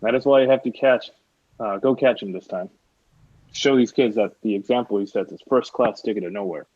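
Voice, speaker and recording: Pompous school principal read by a man in a casual table read; low husky voice, dry dull recording. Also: a little fast, dry recording. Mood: stern. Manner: stiff, self-important. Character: pompous middle-aged male school principal. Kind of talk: unrehearsed script read-through.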